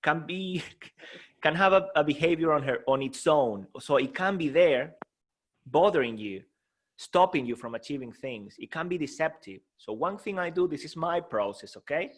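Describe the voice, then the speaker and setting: A man's voice: fairly high pitch, animated, moderate pace. A middle-aged man from the UK, an NLP coach giving an upbeat, playful, encouraging talk to language learners.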